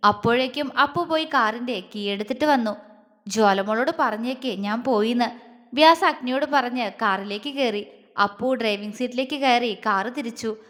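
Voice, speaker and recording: Woman storyteller, high voice, steady expressive reading, long reverb on the recording. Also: normal speed. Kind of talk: scripted story narration.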